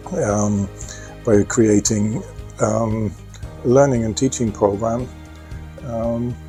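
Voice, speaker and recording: Brief: deep, dark-toned male expert, halting delivery, faint music bed. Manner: hesitant, many ums, restarts. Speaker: expert for a project. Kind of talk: talking to camera in a promo clip.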